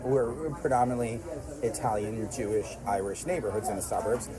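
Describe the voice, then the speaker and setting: A man's voice: lowish voice, steady tone, fairly quick, poor audio. A man with an American accent in casual conversation at a diner, telling stories and repeating phrases for emphasis. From United States, suburbs. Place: inside a busy diner. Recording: busy diner chatter behind the voice. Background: crowd chatter.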